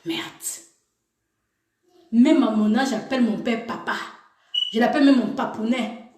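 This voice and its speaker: Speaking a little slowly in a slightly high, darkish voice, a woman gives mocking reaction commentary on a clip. As a video commentator she teases and scolds, laughing in between, and the sound is reverberant.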